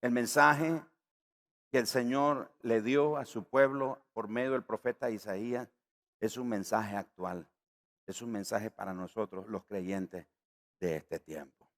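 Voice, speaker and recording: A pastor from Nicaragua speaks unhurriedly with a fairly bright tone while preaching. He lifts his pitch and volume on important words and acts out the voices in his stories.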